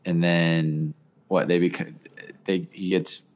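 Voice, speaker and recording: A man with a very low voice co-hosting a casual podcast. He sounds relaxed and amused, mulling things over out loud. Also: slow. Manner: relaxed, amused, thinks aloud. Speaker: podcast co-host.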